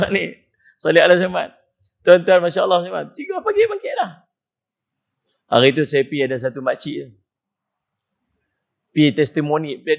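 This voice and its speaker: A man with a Penang Malay accent giving a humorous, animated mosque lecture, mimicking people as he preaches. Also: high voice, vocal fry. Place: mosque hall.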